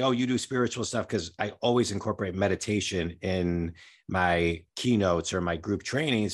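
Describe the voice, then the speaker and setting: Low-voiced man chatting as an interview guest. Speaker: podcast guest, business coach and speaker. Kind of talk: casual conversational interview talk, telling anecdotes.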